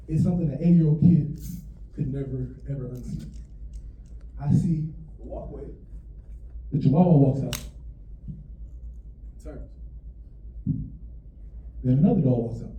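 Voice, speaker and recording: Young male stand-up comic, high animated voice, acts out his characters, heard from far off in an echoey venue with a dull mic and laughter behind. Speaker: stand-up comedian. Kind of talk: stand-up storytelling. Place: comedy venue on stage. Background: audience laughter.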